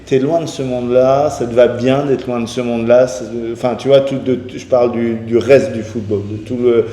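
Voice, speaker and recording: A man's voice: medium pitch, steady tone, moderate pace, warm tone, a little hiss or hum. A man hosting a casual interview chat, talking enthusiastically with many restarts. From Iranian heritage. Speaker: host. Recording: echoey room with long reverb.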